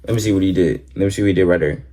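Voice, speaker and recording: A man reacting casually to football highlights, excitable, repeating exclamations and talking back at the players. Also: racing, slight background noise. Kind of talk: casual sports reaction commentary.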